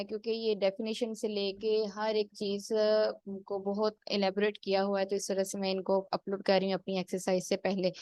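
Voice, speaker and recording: A woman's voice: medium pitch, dry recording. A woman teaching punctuation in an online lecture, mixing terms into her explanation and checking in with "theek hai". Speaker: English teacher.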